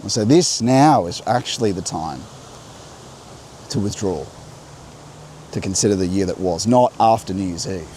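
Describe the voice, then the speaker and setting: A man hosting a reflective spiritual vlog, speaking slowly and meditatively with soft laughs while outdoors in a coastal national park. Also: deep voice, expressive, slight background noise. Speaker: host. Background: crickets and insects.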